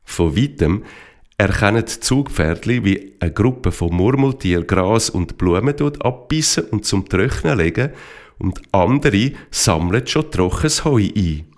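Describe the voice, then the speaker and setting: A man narrating a children's story with slow, lively reading. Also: lowish voice.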